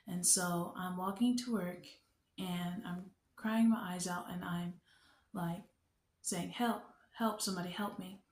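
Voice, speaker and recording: Woman, young adult, earnest unhurried storyteller, flat delivery, roomy echo. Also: on the low side. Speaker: vlogger sharing a testimony. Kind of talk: personal faith testimony. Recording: echoey room.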